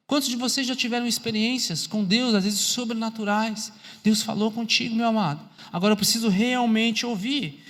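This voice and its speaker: A man with a Brazilian Portuguese accent preaches a sermon in a high, clear voice. He talks to his congregation like a friend, calling them "dear," and sometimes goes soft and hushed. Long church-hall reverb trails behind every phrase. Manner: conversational preaching, addresses listeners as "querido"; drops to soft hushed voice for God whispering. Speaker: pastor.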